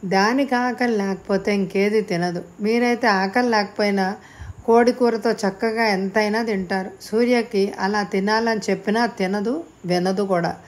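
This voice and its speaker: A woman voicing a polite, meek young woman who answers calmly and respectfully in an audiobook. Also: mid-range voice, normal speed, close to an everyday voice. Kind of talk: audiobook character reading.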